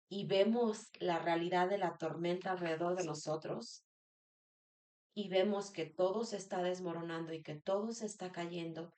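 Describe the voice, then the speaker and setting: Speaking in a lowish voice, a church member gives an earnest personal devotional talk, repeating phrases and posing rhetorical questions.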